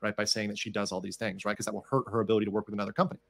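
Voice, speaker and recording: Quick-talking man explaining things casually. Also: fairly low pitch, level tone, vocal fry. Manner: checks in with "right?" often. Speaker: lawyer commentator. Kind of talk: casual explanatory live commentary.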